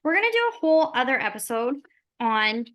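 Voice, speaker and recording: A woman's voice: sits high, sing-song, a little fast, a bit bright. A woman co-hosting a podcast, talking earnestly and openly in long, rambling runs. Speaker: podcast co-host. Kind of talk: casual chat.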